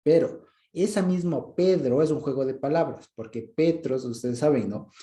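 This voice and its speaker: A man with an Ecuadorian Spanish accent giving an informal Bible teaching, speaking conversationally and often stopping to ask if he is understood, with soft chuckles. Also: fairly high pitch, moderate pace, echoey room. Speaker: preacher.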